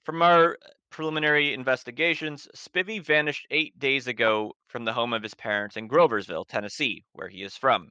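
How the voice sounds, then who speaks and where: A man's voice: medium pitch, brisk, bright, forceful tone, clear, resonant tone, no echo, natural voice. Brief: man as a no-nonsense male agent in a tabletop horror game, plain lo-fi audio. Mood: grave.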